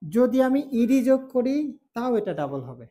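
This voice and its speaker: A woman from Bangladesh teaching an English spelling rule, explaining slowly, repeating key points and checking that students follow. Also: on the high side, sing-song, warm tone. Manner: slow, repetitive explaining with check-in questions. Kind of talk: classroom spelling lesson.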